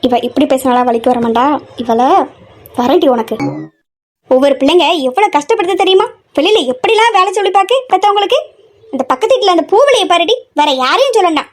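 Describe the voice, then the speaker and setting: A woman's voice: very high voice, animated, brisk. A woman playing a nagging middle-aged mother in a family comedy skit, scolding and complaining nonstop.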